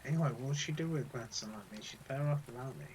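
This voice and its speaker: A young man reading the lines of a guilt-ridden sixteen-year-old boy in a quiet, halting, despairing way, with game music behind. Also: medium pitch, slight background noise, close to an everyday voice, poor audio. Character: troubled teenage boy full of guilt.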